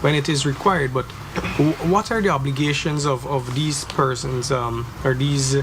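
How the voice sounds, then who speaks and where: A man hosting, framing his questions haltingly and repeating words. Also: mid-range voice, fairly even intonation. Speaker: host. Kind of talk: interview questions. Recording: noisy background ambience.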